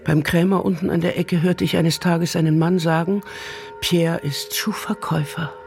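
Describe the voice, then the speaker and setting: A woman's voice: on the low side, fairly even intonation, moderate pace, vocal fry, darkish tone, faint music behind. A woman playing a lonely, half-paralyzed aging mother in a radio drama, pleading with her returned son. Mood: bitter pleading. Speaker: mother figure in a radio play.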